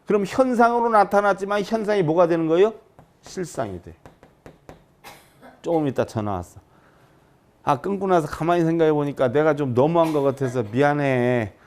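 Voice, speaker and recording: Male monk teacher, fairly high voice with a very animated pitch, lectures by quizzing the room, loud peaks and quiet drops. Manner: keeps asking the listeners rhetorical questions; sharp swings between loud high emphasis and soft low drops. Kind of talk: dharma lecture to an audience.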